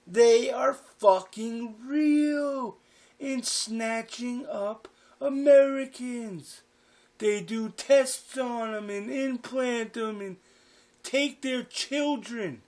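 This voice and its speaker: A man's voice: sits high, lively intonation, takes it slowly, voice pushed up, exaggerated voice. A man doing a drunk raging dad. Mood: shouting. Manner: shouting, profane. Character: drunk furious middle-aged father ranting.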